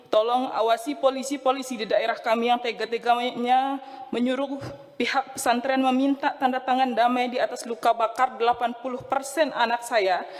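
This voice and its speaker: A woman gives a formal prepared appeal in a pleading, emphatic manner. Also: a little high. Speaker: victim's parent making an appeal. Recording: reverberant hall sound.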